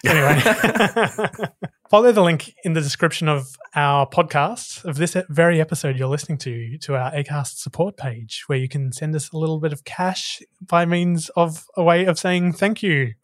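A man's voice: a little high, normal speed, a bit bright, dry recording, clean studio sound. A man co-hosting a podcast in a playful, giggly casual chat. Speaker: podcast co-host.

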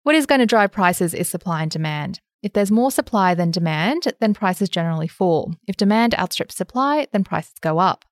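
A woman's voice: on the low side, animated, normal speed, hardly any pauses, no echo, clean studio sound. A woman, co-hosting an investing podcast in a chatty, easy way. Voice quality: sweet voice. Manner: chatty, laughs easily, plain explainer. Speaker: podcast co-host. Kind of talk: casual investing podcast chat.

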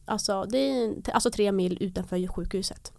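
A young woman in casual chat, telling a story lively and acting out what people said. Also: mid-range voice, vocal fry, no echo, clean studio sound. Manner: lively storyteller who acts out quotes.

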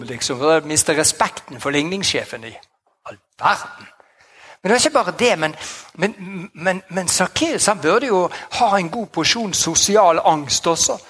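Bright, high-voiced male preacher. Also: breathy edge. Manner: lively and exclamatory, chuckling, with frequent amens and hallelujahs. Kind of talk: sermon.

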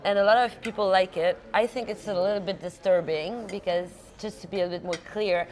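A woman who grew up in Denmark, a painter chatting as an interview guest over lunch, lively with frequent laughs and restarts. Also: medium pitch, brisk. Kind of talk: casual interview chat.

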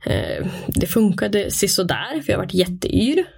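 A young woman candidly telling a personal story in casual conversation, with animated delivery and frequent fillers. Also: mid-range voice, gravelly, breathy edge. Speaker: interview guest.

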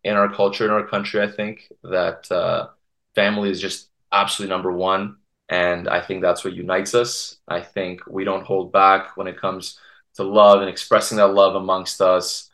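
A young man giving halting, earnest answers in a casual podcast interview. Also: low voice, little pitch movement, fairly bright tone, reverberant. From Toronto, Canada. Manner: earnest, halting, many restarts. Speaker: guest from a Serbian community TV channel.

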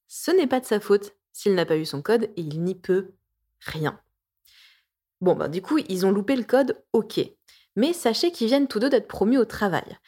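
A woman's voice: medium pitch, warm tone, husky. A woman of around forty who hosts a podcast as a coach and therapist. She reads her blog articles aloud in a playful, jokey way, with self-mocking asides and plenty of hesitant restarts. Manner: chatty, with frequent hesitations and restarts.

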